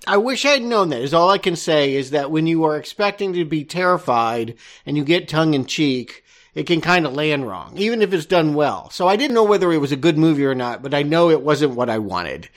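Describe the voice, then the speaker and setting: A man co-hosting a podcast, chatting casually as he reviews films. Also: on the high side. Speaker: podcast co-host. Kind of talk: casual film review chat.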